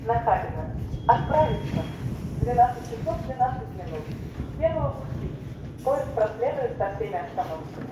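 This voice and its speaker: Woman announcer over an echoing station loudspeaker. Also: on the high side, big pitch swings. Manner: measured, official announcer delivery. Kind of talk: formal public announcements. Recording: echoey distant loudspeaker with heavy rail noise. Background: trains and station ambience.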